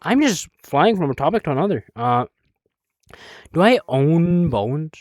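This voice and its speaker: A man's voice: on the high side, big pitch swings, a little slow, darkish tone, no room sound, studio quality. A man streaming a game live, rambling casually, swearing a lot and making playfully dramatic, mock-whiny complaints.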